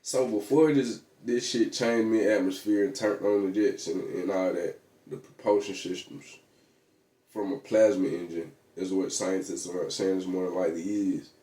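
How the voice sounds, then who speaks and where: A man's voice: low voice, steady tone, moderate pace, dark tone. A man vlogging in a casual, rambling monologue, full of slang, fillers and restarts. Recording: echoey room.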